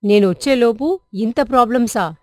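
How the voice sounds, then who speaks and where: A woman voicing a middle-aged husband who explains himself quickly. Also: on the high side, a little mellow, no room sound, clean studio sound, close to an everyday voice. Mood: explaining.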